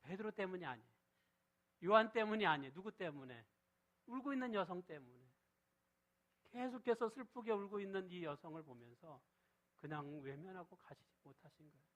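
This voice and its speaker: A middle-aged pastor, his voice a little above the usual male register, preaches a sermon to his congregation, animated and a little fast. He repeatedly poses questions and answers them himself, hitting key words with loud stress, then dropping to a soft, low delivery when reading scripture. The audio quality is poor.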